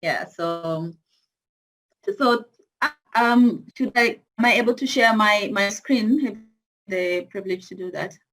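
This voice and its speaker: A woman's voice: mid-range voice, unhurried, fairly bright tone, low-quality recording. A woman with a Tanzanian accent giving an informal online presentation as a guest lecturer. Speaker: guest speaker, university cybersecurity lecturer. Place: video call.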